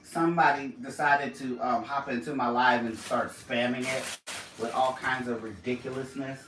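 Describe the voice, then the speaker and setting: A woman's voice: rumbling low, steady tone, moderate pace, far from the mic. Chatty woman vlogging live in an echoey room. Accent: Southern US. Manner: playful, chatty, slips into a put-on Southern drawl. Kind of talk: casual live-stream chat. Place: home room. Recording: echoey room, voice from off the mic, loud background noise.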